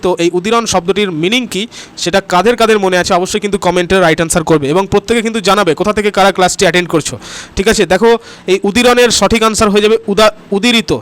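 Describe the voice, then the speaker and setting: This grammar teacher from West Bengal has a high-pitched, slightly bright, clear and resonant voice. In his online exam-prep class he addresses students directly, repeating "ঠিক আছে?" after answers and "next question" as a cue, while encouraging comments and likes.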